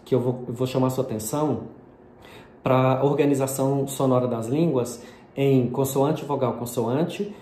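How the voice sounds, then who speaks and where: Warm and steady at a mid-range pitch, moving at a moderate pace, the voice belongs to a linguistics teacher from Brazil. He patiently explains phonetics in a video lesson, dotting his speech with diminutives, while the echoey room carries faint noise.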